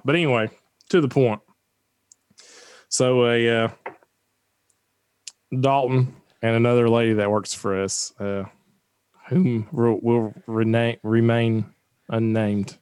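A man's voice: mid-range voice, fairly even intonation, takes it slowly, pauses often, a little mellow, clean tone, no room sound. A man co-hosting a casual chat, rambling and joking and laughing often.

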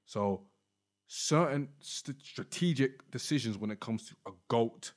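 A man's voice: medium pitch, a little slow. A man giving opinions on music in casual, slangy podcast chat.

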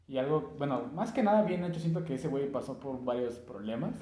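A young Mexican man talks fast and loose, full of street slang. His voice echoes in the room around him. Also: mid-range voice, lively intonation, mellow. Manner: slangy, peppers speech with "güey". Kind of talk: casual podcast chat.

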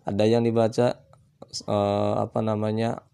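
Man teaching quran recitation, chatty with lots of "ya", gravelly, dark mellow tone. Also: lowish voice. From Indonesia. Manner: relaxed explaining with frequent "ya", chants verses slowly. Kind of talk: casual Islamic lesson.

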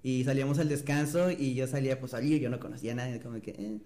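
A young Mexican man, a guest in a casual interview, tells an anecdote and imitates other people's voices. He speaks at a racing pace in a warm, medium-pitched voice with fairly even intonation.

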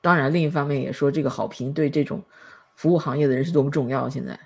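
A woman's voice: low voice, steady tone, fast talker, slightly rough. A woman hosting a podcast in casual chat, chatty and laughing often. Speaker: podcast host.

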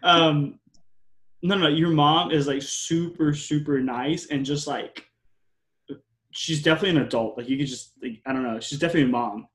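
Rambling young podcast host. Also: male voice, on the high side, moderate pace, fairly bright tone. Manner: rambling, with many fillers and restarts; slangy, says "yo" and "y'all". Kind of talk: casual podcast chat.

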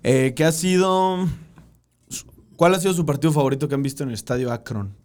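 A man's voice: fairly high pitch, brisk, a little mellow. A Mexican man co-hosting a casual fan podcast, jokingly reading out listener questions. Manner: joking, reads questions aloud. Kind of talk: casual chat.

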